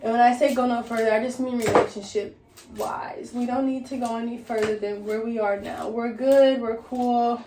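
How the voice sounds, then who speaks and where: A young American woman with a fairly high voice talks in a loose, slightly drunk, candid way. She chats casually, as if answering questions from her listeners. The room is clearly echoey, with faint noise behind her. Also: fairly even intonation, moderate pace, darkish tone. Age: young adult. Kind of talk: casual personal chat.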